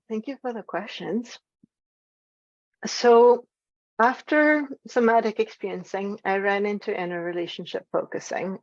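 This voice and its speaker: A woman's voice: lowish voice, gravelly, muffled recording. A woman presenting an online workshop in a casual, informal way, using lots of "like" as a filler, nervous about speaking in public.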